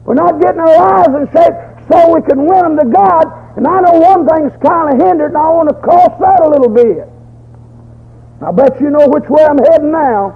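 Older preacher with a high gravelly voice. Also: male voice, normal speed. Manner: folksy, fervent, preaching. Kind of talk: storytelling sermon. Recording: dull lo-fi recording.

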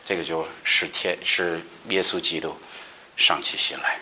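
Bright-voiced man teaching scripture. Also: steady tone, a little slow, slight background noise. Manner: swings between raised emphatic passages and low soft asides; explains scripture verse by verse and poses questions to listeners. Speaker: Bible study teacher. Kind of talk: Bible study sermon.

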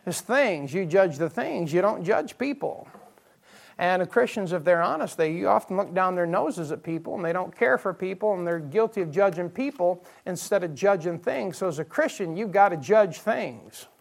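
A man's voice: high voice, expressive, normal speed, gravelly. A man preaching a midweek evening sermon in church, explaining Bible verses, repeating key phrases and asking the congregation rhetorical questions. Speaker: pastor.

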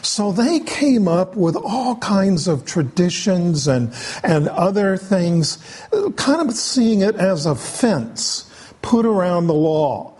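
A man preaching a sermon, explaining scripture in an unhurried way with frequent pauses. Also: high voice, sing-song, darkish tone, breathy edge. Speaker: pastor.

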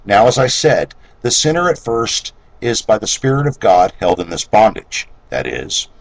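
A man reading an old devotional treatise aloud in a measured, solemn way, letting his voice sink low and soft on each scripture reference. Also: sing-song, dry recording, rough recording. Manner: occasional self-corrections while reading.

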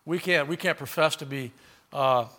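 A man's voice: a little high, moderate pace, pushed and bright. A middle-aged man preaching a sermon, telling a personal story in a folksy way and reading scripture aloud.

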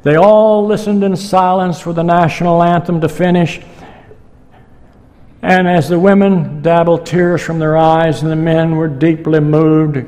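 A pastor giving a sermon, telling stories slowly and deliberately to his congregation in a church. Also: on the high side, level tone, darkish tone, long reverb tail. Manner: slow, deliberate storytelling.

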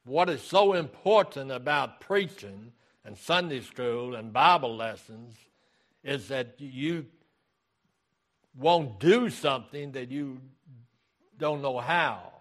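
Slow, deliberate male preacher. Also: mid-range voice, animated, a bit bright. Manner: deliberate preaching, repeating key phrases. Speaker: pastor. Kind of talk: sermon.

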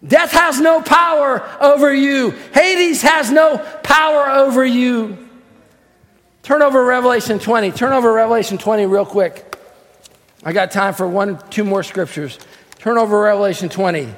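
A pastor with a strikingly high-pitched voice preaches a fervent sermon to his church. He teaches in a calm, quick voice, then slows down and shouts his key lines. His voice rings with a long reverb from the hall. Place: church sanctuary.

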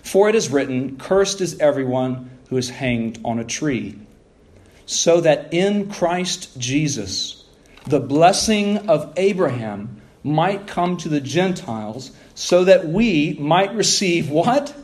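A man delivers a teaching sermon into a pulpit microphone, his voice sitting a little higher than most men's. He guides listeners through scripture, reading passages aloud. He pauses on rhetorical questions as he explains what the verses mean. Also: lively intonation, a little mellow. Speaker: pastor. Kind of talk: expository sermon.

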